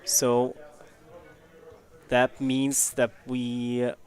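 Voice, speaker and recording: A man's voice: medium pitch, monotone, drawn-out words, soft background music. A man giving play-by-play commentary on a live poker tournament.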